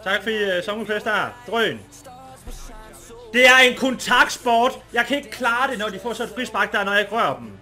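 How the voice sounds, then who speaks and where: A man streaming a football video game with a Danish accent, commenting live and getting excited, shouting and swearing often. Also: high voice, few pauses, faint music behind. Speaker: gaming streamer.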